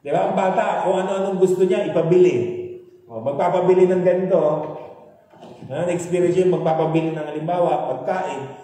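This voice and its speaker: High-voiced Filipino preacher in an echoey hall. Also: male voice, moderate pace, dark tone. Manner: conversational, mixing in English, keeps asking "di ba?". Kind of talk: sermon. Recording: echoey hall, speaker far from mic.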